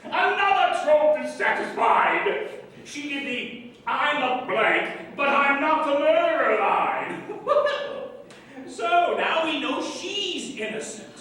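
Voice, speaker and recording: A man's voice: very high voice, big pitch swings, slow pace, pushed and bright, slight background noise, exaggerated voice. A man playing a pompous detective on stage, lecturing and commanding the suspects. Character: pompous male detective running a murder inquiry. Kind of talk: stage play acting. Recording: echoey stage from far off, faint ambience.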